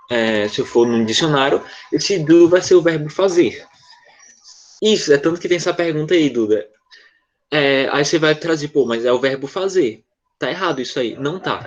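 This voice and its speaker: A man's voice: on the high side, highs cut off. A Brazilian man teaching an online class, patiently explaining a grammar rule and checking often that students follow. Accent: Brazilian Portuguese. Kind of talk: online English lesson explained in Portuguese.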